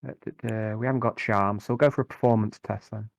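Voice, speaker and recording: A man narrating a tabletop game as game master, improvising in a conversational, halting way and often repeating words. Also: fairly low pitch, fairly even intonation, vocal fry, no echo.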